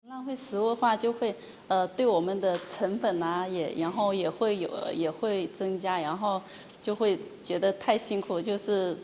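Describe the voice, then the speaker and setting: A woman's voice: medium pitch, normal speed, darkish tone, a little hiss or hum. A woman on the cafeteria staff answering an interview in a hesitant, plainspoken way with many fillers.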